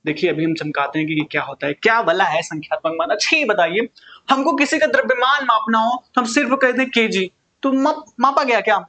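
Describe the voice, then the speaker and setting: High-voiced male teacher, questioning himself. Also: a little fast, bright, forceful tone. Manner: asks questions and answers them himself, often says "bhai sahab". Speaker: physics teacher. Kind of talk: casual classroom lesson.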